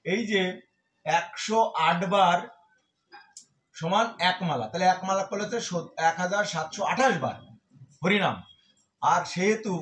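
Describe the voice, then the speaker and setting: A man's voice: sits high, fairly bright tone, reverberant. A man giving a devotional scripture talk, explaining and counting out numbers step by step. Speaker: devotional speaker.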